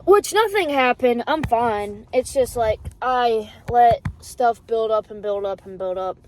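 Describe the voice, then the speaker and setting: Woman doing a casual running vlog, kinda high voice, candid and rambly, lots of background noise. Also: lively intonation, a little slow, low-quality recording. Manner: candid, informal, rambling talk. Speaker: running vlogger. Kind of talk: casual chat to camera.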